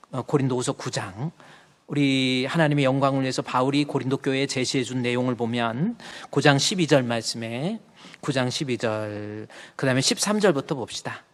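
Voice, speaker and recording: A man preaches from the pulpit in a relaxed, conversational way, his mid-range voice carried by a long church reverb. He acts out short quoted lines and swings from sudden loud jabs to soft, intimate asides. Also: medium pitch. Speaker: pastor. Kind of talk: sermon. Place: church sanctuary.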